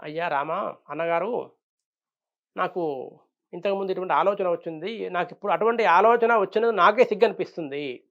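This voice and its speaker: A man's voice: sits high, brisk, long pauses. A man voicing a young prince who grumbles about his lot and then grows ashamed, told with self-reproaching musings on a dull lo-fi recording. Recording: dull lo-fi sound.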